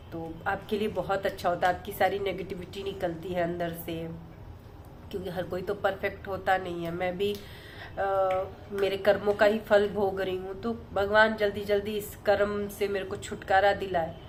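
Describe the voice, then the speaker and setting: A woman vlogger telling a personal story in a casual, rambling way, softly and with many fillers and restarts. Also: medium pitch, slight background noise.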